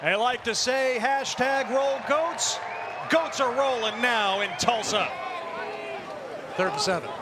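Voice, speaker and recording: A man calling live American football, with dramatic, drawn-out shouted touchdown calls. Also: extremely high pitch. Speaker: play-by-play commentator. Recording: loud crowd roar and stadium noise.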